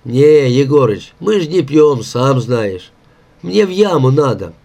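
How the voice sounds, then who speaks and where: A man's voice: medium pitch, a little slow, gravelly. A man voicing a patient, good-humoured young foreman on a building site. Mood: easy. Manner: calm friendly banter. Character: easygoing male young foreman, joking, patient. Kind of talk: audiobook character voice.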